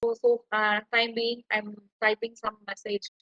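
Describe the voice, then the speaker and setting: A woman's voice: fairly high pitch, little pitch movement, unhurried, sharp tone, no room sound, muffled recording. A woman lecturer, explaining step by step as she types in an online tutorial. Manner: explains step by step while typing.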